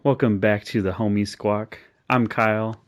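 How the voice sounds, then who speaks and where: A man's voice: on the low side, steady tone, moderate pace. A young man hosting a casual podcast, chatting loosely with lots of fillers and laughter. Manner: laughs often, many fillers. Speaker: podcast host. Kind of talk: casual chat.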